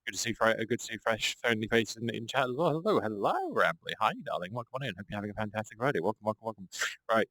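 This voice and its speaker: A man's voice: fairly low pitch, very fast, sharp tone, no room sound, rough recording. A man hosting a livestream, chatting casually and greeting viewers in a campy manner. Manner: campy, calls listeners darling. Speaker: livestream host.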